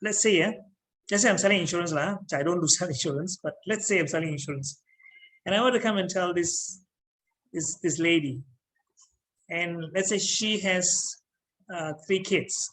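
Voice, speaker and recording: A man giving a lively talk on public speaking, often repeating words as he goes. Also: high voice, moderate pace, poor audio. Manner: animated, repeats words and restarts. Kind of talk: motivational talk to an audience.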